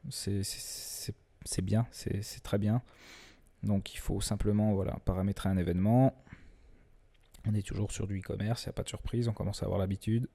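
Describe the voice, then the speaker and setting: Guy from france doing a software tutorial, lowish mellow voice, lots of uh and restarts. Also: moderate pace, gravelly, slightly rough. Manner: relaxed, chatty, frequent hesitations and restarts; self-deprecating humor. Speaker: tutorial presenter. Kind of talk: screen-recorded software tutorial.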